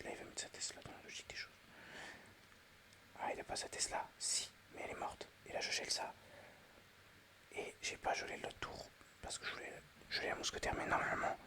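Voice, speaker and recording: While playing a mobile game, a man addresses his viewers in an ASMR whisper, sounding chatty and excitable.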